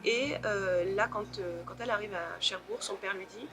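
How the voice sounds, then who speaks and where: A woman novelist answering interview questions in a thoughtful way, pausing often to search for her words. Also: medium pitch, over music.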